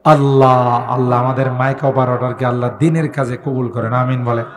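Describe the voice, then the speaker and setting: A male Islamic preacher, giving a sermon that swings from soft asides to loud chanted lines and calls on the crowd to answer. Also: medium pitch, flat delivery, normal speed, slight background noise.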